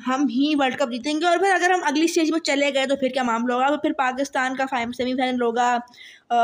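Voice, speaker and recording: Chatty high-voiced man. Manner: chatty, excitable, thinks aloud with fillers. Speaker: cricket explainer host. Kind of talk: casual explainer talk to camera.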